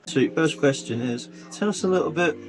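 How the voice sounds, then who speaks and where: A man's voice: on the high side, lively intonation, moderate pace. A young man in his twenties, hosting a casual chat at an indoor climbing centre and laughing easily. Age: 20s. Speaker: host. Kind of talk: casual interview. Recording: loud background guitar music.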